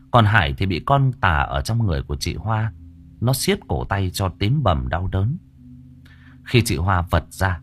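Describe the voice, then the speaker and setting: A man narrating a horror story audiobook in an expressive, dramatic way. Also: fairly low pitch, a little hiss or hum.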